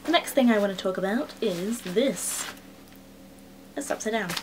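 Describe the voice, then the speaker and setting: A twenty-year-old beauty vlogger gushes over her favourite beauty products in a bubbly, rambling, casual chat. Her medium-pitched voice is expressive at a normal speed, picked up by a camera mic against a noisy background.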